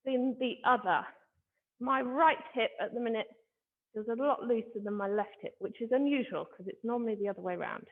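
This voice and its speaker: Female ballet teacher, high-pitched, giving measured, counted movement cues; narrow phone-like audio. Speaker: adult ballet instructor. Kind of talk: instructional exercise class, talking through movements. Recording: thin phone-like sound, faint music behind.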